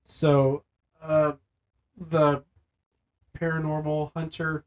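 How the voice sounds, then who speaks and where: A man co-hosting a casual podcast chat, retelling film scenes in an animated way and using "like" often. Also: fairly high pitch, extremely slow, poor audio. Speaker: podcast co-host.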